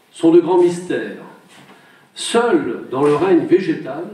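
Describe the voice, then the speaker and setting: Male orator for a ceremonial address, rhetorical and solemn, softer mellow tone, recorded at a distance from the mic. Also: a little high. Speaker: wine brotherhood orator. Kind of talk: formal prepared speech to an assembly. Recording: echoey room, distant microphone.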